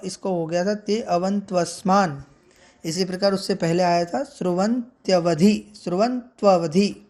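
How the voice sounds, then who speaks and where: Slow-spoken Sanskrit teacher, man. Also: high-pitched, darkish tone. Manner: slow deliberate chanting of each syllable, then quicker explanation. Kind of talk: mantra pronunciation lesson.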